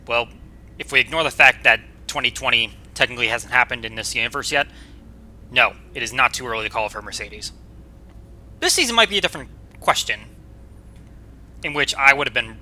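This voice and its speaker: A man hosting a casual let's-play, chatty and joking as he reacts out loud. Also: medium pitch. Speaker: gaming video host.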